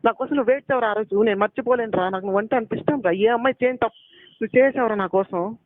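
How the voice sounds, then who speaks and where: A young man argues on a phone line and pleads his case. His voice sits high and the words tumble out quickly. The call sounds tinny and dry. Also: dry recording. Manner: pleading, accusing, repeating questions. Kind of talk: heated phone argument.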